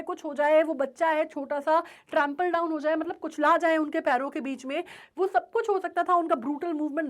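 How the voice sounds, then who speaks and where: A woman teacher explaining a chapter, mixing English terms into her speech and often checking in with the class. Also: high-pitched. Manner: explains with frequent check-in questions; mixes Hindi and English terms.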